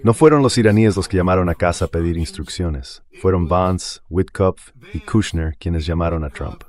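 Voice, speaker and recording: A deep-voiced man, appearing as an interview guest, gives translated political commentary at normal speed in a darkish tone, laying out his points bluntly and emphatically.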